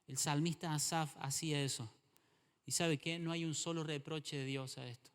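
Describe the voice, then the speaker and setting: A man with an Argentine accent preaching a sermon as pastor, swinging from a hushed, intimate murmur to loud, fervent exhortation. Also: on the high side, fairly even intonation, moderate pace, smooth. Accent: Argentine Spanish. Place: church hall. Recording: livestream in a reverberant church hall.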